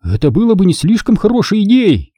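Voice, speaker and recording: A man's voice: sits high, sing-song, normal speed, mellow, no echo, voice pushed up. A man voicing a thin, uneasy schoolboy in an audiobook, anxious and dutiful in manner.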